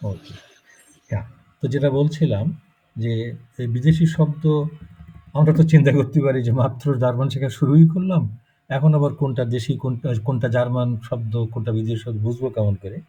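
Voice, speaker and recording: A medium-pitched man with a dark, slightly rough tone and a brisk pace teaches German pronunciation live, going step by step and checking on his students. He has a Bangladeshi Bengali accent, and the recording sounds muffled and lo-fi.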